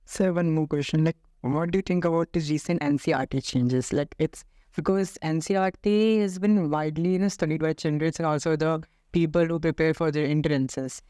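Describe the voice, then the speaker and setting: Young indian guy interviewing, smooth clear voice, a bit high, polite and hesitant, dry sound. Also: steady tone, fairly quick, warm tone, no room sound. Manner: deferential, hesitant, says "sir" and "you know" often. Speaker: podcast interviewer. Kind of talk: casual interview questioning.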